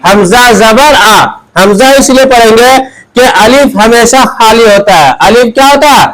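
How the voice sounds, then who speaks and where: A man teaching Quran reading in a call-and-response lesson, asking questions and answering them himself, and drilling syllables slowly. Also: very high-pitched, a bit bright, poor audio.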